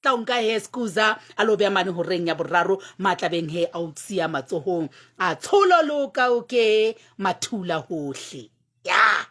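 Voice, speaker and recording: A woman with a Sotho accent hosting live radio, exuberant and exclamatory, calling out shout-outs and repeating words in quick bursts. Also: medium pitch, expressive. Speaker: radio host. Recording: music behind the voice.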